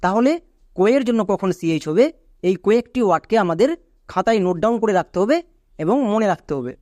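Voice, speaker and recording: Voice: mid-range voice, animated, quick pace, a little mellow, no echo, clean studio sound. A teacher explaining English spelling rules step by step, drilling each point by repeating it and spelling words out letter by letter.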